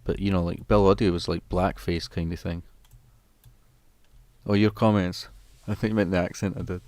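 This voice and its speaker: A man's voice: low voice, fairly even intonation, normal speed, a little mellow, no echo. Rambling man chatting on a live stream. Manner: rambling, chuckling, reads out comments. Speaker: musician streamer. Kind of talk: casual live-stream chat with viewers.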